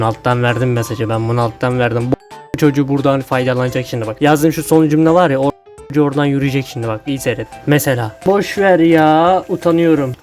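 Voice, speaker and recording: A man who is a YouTuber, giving crude, mocking commentary as he reads chat messages aloud. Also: on the high side. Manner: crude, mocking, swears a lot.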